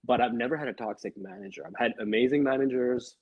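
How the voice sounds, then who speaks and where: A man from Sri Lanka, a guest developer on a casual livestream, talking with pauses and soft asides. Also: medium pitch, husky, no room sound. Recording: dry lo-fi stream audio.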